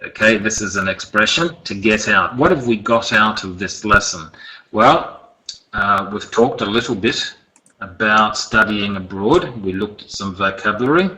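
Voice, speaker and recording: A man teaching an online English lesson over a video call, relaxed and encouraging, often checking in with "okay?". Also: fairly low pitch, moderate pace, poor audio. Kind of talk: online lesson, recapping and giving homework.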